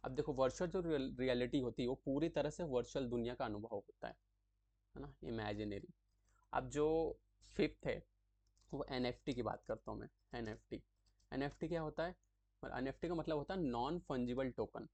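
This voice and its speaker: Male tutorial host, mid pitch, chatty and repetitive, close dry mic. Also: darkish tone, dry recording. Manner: chatty, repeats terms slowly, frequent "thik hai" check-ins. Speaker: tutorial creator explaining acronyms. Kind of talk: casual explanatory lesson.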